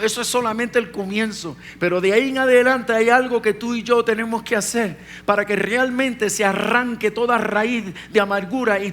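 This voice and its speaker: A man's voice: sits high, fairly bright tone. A man who is a pastor preaching a sermon, telling a personal story and speaking directly to his congregation.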